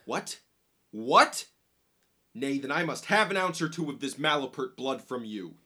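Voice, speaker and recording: A man's voice: medium pitch, very animated, unhurried, bright, forceful tone, full character voice. A man playing a rowdy, boisterous knight in a stage play, teasing and blustering. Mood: brawling.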